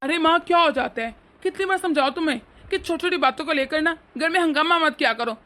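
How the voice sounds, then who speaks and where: A woman voicing a grown son in a cartoon story who tries to calm his quarrelling mother, placating and mildly exasperated. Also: high voice, fast. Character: grown son, peacemaking husband. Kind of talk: cartoon voice acting.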